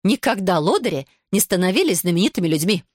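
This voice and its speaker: A woman voicing a strict but kind female schoolteacher in a storybook reading, calm and measured. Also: lowish voice, no room sound, clean studio sound. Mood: reproachful. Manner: calm, measured, gently reproachful.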